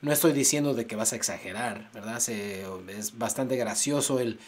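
A man teaching English pronunciation, exaggerating sounds slowly to demonstrate them. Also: medium pitch. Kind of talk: pronunciation lesson. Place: United States.

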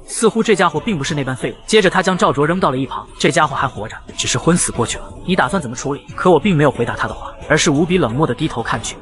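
A man narrating a comic story recap in the first person, in a brisk, rapid storytelling manner. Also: on the high side, fairly bright tone.

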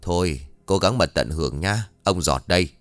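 Guy doing a cranky old dad, grumbling, lively pitch swings. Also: quick pace, no room sound, natural voice. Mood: grumbling gruff. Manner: gruff, cursing. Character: grumpy older village father.

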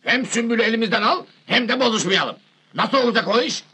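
A man's voice: very high-pitched, lively intonation, fast, bright, forceful tone, husky, exaggerated voice. An actor playing a bitter, accusing older village father in a film comedy. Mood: angry. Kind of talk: Turkish film comedy acting.

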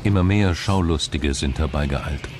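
A man narrates in a scripted news documentary style. His voice is very low, and clear urban noise runs behind the voice-over. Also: moderate pace. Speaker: reporter narrator.

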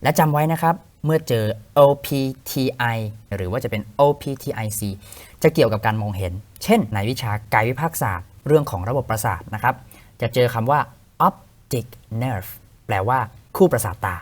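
A young man hosting a vocabulary lesson podcast, a clear, patient teacher who spells words out letter by letter. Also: medium pitch, lively intonation, moderate pace.

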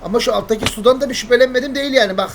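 A man's voice: very high voice, rapid-fire, fairly bright tone, faint music behind. A man narrating a gameplay video in a chatty, playful role-play style, talking to his viewers as friends. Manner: chatty, addresses viewers as friends, mock-dramatic. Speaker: gaming YouTuber.

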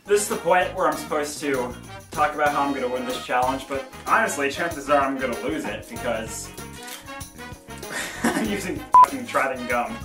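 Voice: mid-range voice, moderate pace. Brief: eighteen-year-old, blunt and grumbling, recorded off-mic in a roomy space, music behind. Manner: blunt, laughing complaints. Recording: echoey room, distant mic. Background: background music.

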